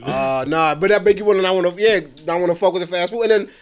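A man with a high, bright-edged voice co-hosts a casual podcast. He talks in loose slang and keeps breaking into laughter. His stories come out animated and loose. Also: fast talker. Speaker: podcast co-host. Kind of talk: casual chat.

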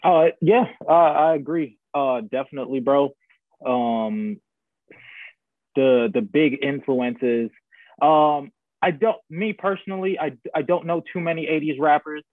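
A man's voice: fairly high pitch, measured pace, no room sound. A man from Guyana co-hosting a podcast, chatting casually with a laid-back, agreeable manner and plenty of slang. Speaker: podcast co-host. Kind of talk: casual chat. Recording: dry, phone-like lo-fi sound.

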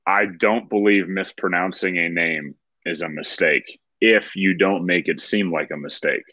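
A man's voice: low-pitched, fairly even intonation, unhurried, sharp tone, dry recording. A man speaking as an interview guest, confidently explaining his craft in casual talk, on slightly muffled audio. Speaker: interview guest, ring announcer.

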